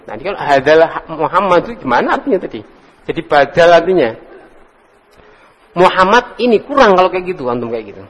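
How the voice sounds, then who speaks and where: A man leads a classroom lesson, his voice sitting a little high. He quizzes students, sounds out words slowly and corrects them with light teasing. The recording rings with the long echo of a hall. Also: big pitch swings, a bit bright, slightly rough. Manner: drills pronunciation slowly, corrects and teases students. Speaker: Arabic teacher.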